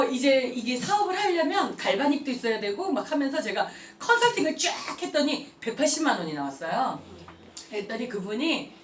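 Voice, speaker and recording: A high-pitched woman in her thirties tells animated stories to a seminar audience, laughing often as she goes. Her pitch swings widely with expression. The voice comes from a distance in an echoey room, with faint ambience behind it. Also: a little hiss or hum. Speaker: network marketing speaker. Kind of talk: motivational seminar talk.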